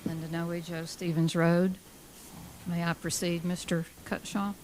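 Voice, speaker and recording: Woman, deep voice, blunt insistent public comment, faint background noise. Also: level tone, a little slow, darkish tone. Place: indoor public meeting room.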